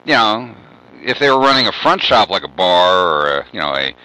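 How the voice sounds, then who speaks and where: Male radio guest, lowish bright voice, meandering storyteller with constant fillers. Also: sing-song, normal speed, low-quality recording. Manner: rambling, many "you know" fillers. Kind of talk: radio talk show interview.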